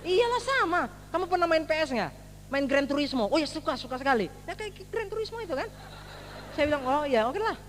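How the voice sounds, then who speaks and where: Guy with a really high voice telling his success story at a seminar, lively and exclamatory, big echoey hall. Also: fairly quick. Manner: animated storytelling with exclamations and direct address. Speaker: network marketing member giving a testimony. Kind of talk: motivational testimony to a seminar audience. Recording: reverberant hall with faint background noise.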